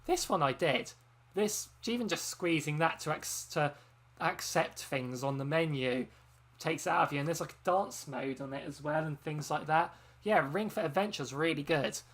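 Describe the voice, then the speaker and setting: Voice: mid-range voice, normal speed. A host chatting casually on a long live stream, rambling with frequent ums and self-corrections, sounding tired from hours of talking. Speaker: game channel host.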